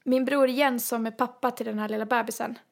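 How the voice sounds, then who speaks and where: A woman telling a story in casual chat, animated and full of fillers, acting out quoted lines. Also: a little high, creaky.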